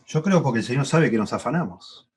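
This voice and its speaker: A middle-aged Argentine man with a Rioplatense Spanish accent teaches a Bible class at church, speaking thoughtfully, repeating phrases for emphasis, and rising in pitch when stressing points. His voice is darkish with lively intonation and a slightly fast pace. A little hiss or hum can be heard.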